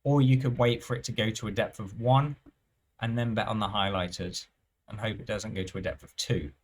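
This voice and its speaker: A man's voice: on the low side, fairly even intonation. Man musing over live roulette. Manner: musing, unhurried, trails off and restarts phrases. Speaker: roulette strategy presenter. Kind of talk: thinking-aloud commentary over live play.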